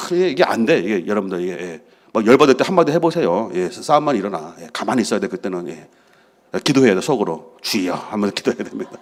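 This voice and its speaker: A middle-aged man preaching a sermon as senior pastor, asking the congregation questions and answering them himself. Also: medium pitch. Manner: drops to a soft hush for prayers he acts out.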